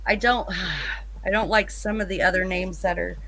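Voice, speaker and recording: A woman's voice: mid-range voice, fairly even intonation, normal speed, a bit bright, low-quality recording. A woman guest on a video-call panel, talking casually with some hesitation.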